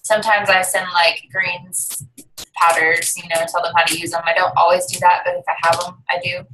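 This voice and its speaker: Bright-voiced young woman on a video call. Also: fairly low pitch, level tone, a little fast, a little hiss or hum, low-quality recording. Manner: chatty and upbeat, walks through her routine step by step. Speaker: network marketing distributor and team leader. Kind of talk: casual video call interview.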